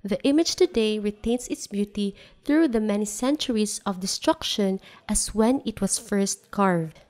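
A woman reading a documentary voice-over in a measured, informative way. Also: medium pitch, darkish tone. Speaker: voice-over narrator. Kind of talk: scripted documentary narration.

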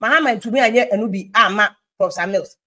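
A Ghanaian woman giving political commentary on a talk show, animated, mixing English with Twi. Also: mid-range voice, quick pace, poor audio.

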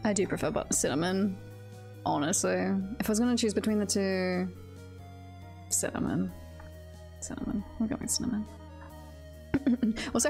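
Her mid-range voice is gravelly and a little mellow as she streams. This woman livestreamer and VTuber jokes casually through her gameplay commentary, repeats short phrases, and swears from time to time, with video game music playing behind her.

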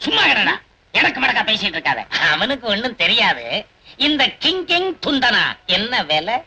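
A man's voice: very high-pitched, very animated, normal speed, sharp tone, slightly rough, exaggerated voice. A man acting in a comic film as a cheeky cardplayer who mutters to himself and teases others. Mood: teasing. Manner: teasing, chattering to himself. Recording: faint film soundtrack hiss.

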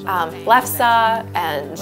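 A woman in her twenties, a food blogger giving an interview in her home kitchen, talking in a bubbly, animated way. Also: on the low side, drawn-out words, music in the background. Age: 20s. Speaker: food blogger and cookbook author.

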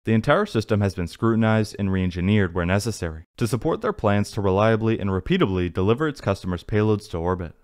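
A man narrating a technical script in an even, read-aloud manner. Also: on the low side, quick pace, hardly any pauses. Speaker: narrator of a space news channel. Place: voice-over, not in the pictured places.

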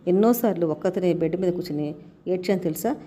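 A woman's voice: fairly low pitch, quick pace, dark tone. Woman reading a story aloud. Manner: reads all characters' dialogue in her own voice. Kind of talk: scripted story narration.

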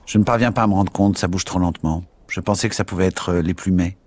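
A man reading the lines of a calm, rule-bound veteran sergeant in an audiobook, formal and matter-of-fact. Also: low-pitched, fast talker.

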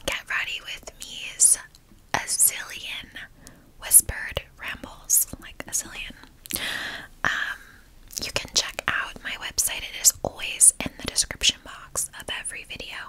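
Here a female ASMR host murmurs through a guided visualization, her whisper airy and unvoiced. It comes across as calm and tender, with an easygoing, meandering style, captured on a rough recording.

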